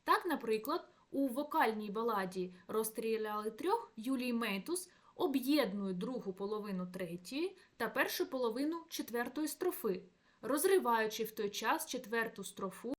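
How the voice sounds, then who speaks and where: Young woman reading out an academic paper, slightly high voice, steady careful delivery. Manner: measured, reads poetry lines aloud with stresses. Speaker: academic presenter. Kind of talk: read academic talk.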